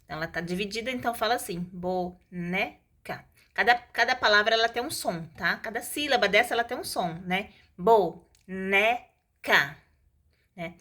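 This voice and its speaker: A woman's voice: a little high, animated, fast talker, bright, forceful tone. A woman teaching a lesson in a casual, explanatory way, stretching out example words and adding tag questions.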